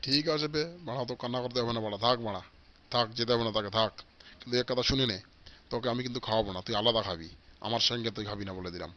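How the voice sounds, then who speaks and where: A man voicing a stingy, foul-mouthed old father in a comic cartoon, shouting and cursing at his family. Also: medium pitch, very fast, dull audio, natural voice. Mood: angry. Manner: shouting, cursing, repeating threats.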